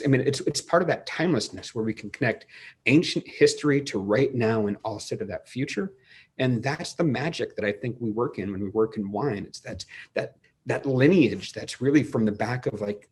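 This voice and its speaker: 40s guy from new england, lowish voice, excited winemaker rambling on a video call. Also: breathy edge. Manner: enthusiastic, rambling explanations with many restarts. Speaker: winemaker guest. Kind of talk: casual interview over a video call.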